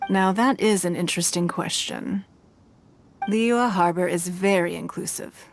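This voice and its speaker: Poised, lowish-voiced noble magnate, slightly creaky. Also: female voice, soft background music. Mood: gently counseling. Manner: formal, measured, authoritative. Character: poised, shrewd, wealthy lady magnate of a fantasy city. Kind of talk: game character acting.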